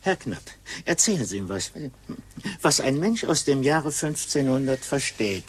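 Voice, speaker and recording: In an old radio play, an actor portrays Müller, a flustered, stammering modern judicial councillor stranded in the year 1500. His medium-pitched voice is very animated yet measured in pace, and the recording sounds roomy and distant.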